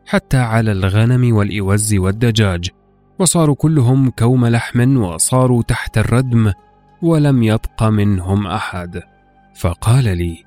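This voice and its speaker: A man's voice: fairly low pitch, a little mellow. A man narrating a scripted literary tale in a formal, classical Arabic storytelling manner. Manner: formal classical Arabic recitation, acting out dialogue. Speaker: podcast host and storyteller.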